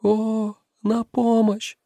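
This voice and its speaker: A man voicing a young woman in peril, crying out for help in shrill, pleading cries in an audiobook. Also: completely flat delivery, extremely slow, vocal fry, warm tone, no echo, exaggerated voice. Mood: desperate.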